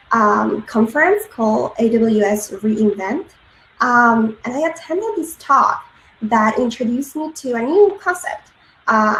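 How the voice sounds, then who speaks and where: Peruvian-born woman giving a talk. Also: a little high. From Peru. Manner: frequent ums and uhs, earnest. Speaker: conference speaker. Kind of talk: presentation talk. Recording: echoey room with faint noise.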